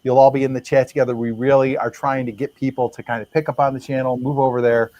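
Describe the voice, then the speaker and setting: A man hosting a livestream chat show, talking in a loose, halting way with lots of fillers. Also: medium pitch, little pitch movement, a little mellow, no room sound, dull audio. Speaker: host.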